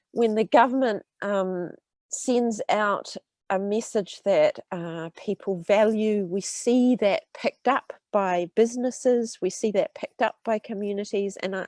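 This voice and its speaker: Medium in pitch and recorded with no room sound, this woman is a New Zealand urban health researcher in her thirties. Congested with a cold, she addresses students warmly, filling her explanations with ums and restarts.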